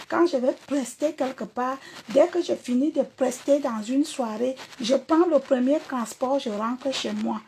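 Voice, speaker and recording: A woman's voice: high-pitched, a little mellow, a little hiss or hum. A woman singer with a Cameroonian French accent, talking bluntly and confrontationally to viewers in a livestream rant. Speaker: singer and performer.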